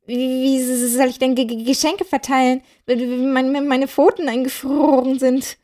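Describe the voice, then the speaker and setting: A woman voicing a cheeky, sulky male Easter bunny who talks in slang and turns shrill when he is upset. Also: very animated, moderate pace. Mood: shivering, stammering.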